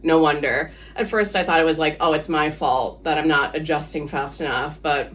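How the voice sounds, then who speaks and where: A man's voice: a little high, steady tone, normal speed, a bit bright, a little hiss or hum. A man from the Philippines, a guest on an interview podcast, talking casually and hesitantly with many fillers and easy laughs.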